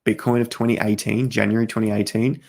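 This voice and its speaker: A man hosting a casual crypto livestream, talking straight to viewers as he walks through charts, his voice going hoarse with coughs. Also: fairly low pitch, level tone, fast talker, darkish tone. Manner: chatty, talks straight to viewers while walking through charts. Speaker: crypto market host.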